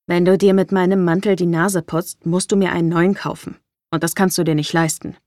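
A woman's voice: lowish voice, flat delivery, brisk, darkish tone, no echo, clean studio sound, natural voice. Woman voicing a curt, arrogant young man. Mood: dry.

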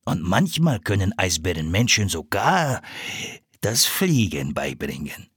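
Man doing a calm, patient seal hunter. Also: low voice, husky, dry recording, studio quality, heavily acted. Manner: slow, measured, patient explaining. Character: calm, kindly older male seal hunter.

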